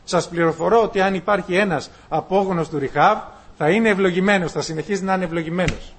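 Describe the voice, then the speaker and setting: A male preacher delivering a sermon, asking his listeners questions and retelling stories with voiced dialogue. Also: high voice. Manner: asks the congregation rhetorical questions and acts out dialogue. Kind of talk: sermon with storytelling.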